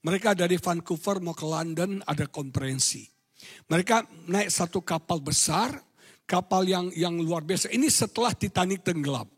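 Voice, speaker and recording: Animated, husky high-voiced preacher man. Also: normal speed, long reverb tail. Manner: animated, swinging from quiet to shouting. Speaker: pastor. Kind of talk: sermon.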